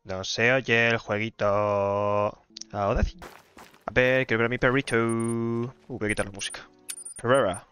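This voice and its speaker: A man's voice: medium pitch, steady tone, a little slow, background noise. Playful young man commenting on gameplay. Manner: playful, chatty, talks to his dog in the game. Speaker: gaming YouTuber.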